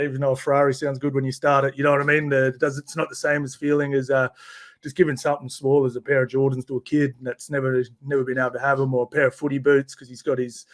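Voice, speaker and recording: Man with a broad Kiwi accent, chatting casually. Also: medium pitch. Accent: broad New Zealand. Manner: laid-back, slangy, ends phrases with "bro". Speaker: podcast guest. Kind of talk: casual chat.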